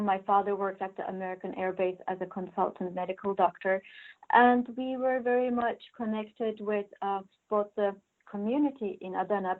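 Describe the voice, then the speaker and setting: Turkish-born woman guest on a phone line. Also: mid-range voice. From Turkey. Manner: measured, many fillers. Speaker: interview guest, professor. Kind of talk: interview answers.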